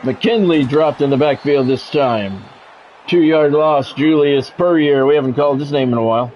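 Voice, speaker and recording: At a moderate pace, a man with a fairly high voice calls the action of a football video game live, using terse announcer lines and candid asides. His dull, lo-fi mic captures faint background noise too.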